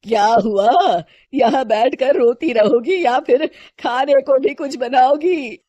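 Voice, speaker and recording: A woman voicing a stern older mother-in-law who lectures slowly and reproachfully. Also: sits high, warm tone, dry recording, lo-fi sound, pitched above the performer's own voice. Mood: harsh.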